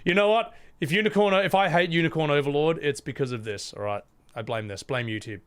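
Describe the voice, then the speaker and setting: A man's voice: fairly high pitch, fairly quick, fairly bright tone, clean tone. A man streaming casual, blunt live commentary with exasperated swearing. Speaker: streamer reacting to game trailers.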